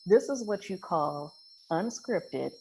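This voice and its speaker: An American woman with an expressive, lowish voice and darkish tone hosts a podcast slowly and without a script, in a playful, emphatic, colloquial way. Recorded in a hotel as people pass by, the audio is clearly noisy and rings.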